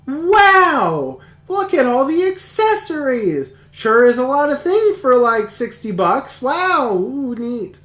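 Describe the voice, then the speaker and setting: A man putting on the voice of a giddy teenage high school girl who gushes with exaggerated delight. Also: sing-song, takes it slowly, few pauses, a bit bright, echoey room, exaggerated voice. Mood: gushing.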